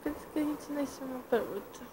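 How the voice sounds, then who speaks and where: A woman teases her partner, playfully stubborn and coy. Her voice sits a little high, and a clear hiss runs through the home recording. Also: fast talker. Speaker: partner in a couple video. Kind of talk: playful couple chat.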